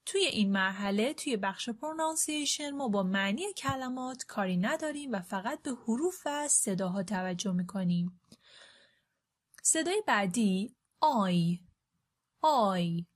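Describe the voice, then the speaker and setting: Woman, English teacher, slow careful English examples, quick Persian explanations. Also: a little high, animated. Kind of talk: language lesson.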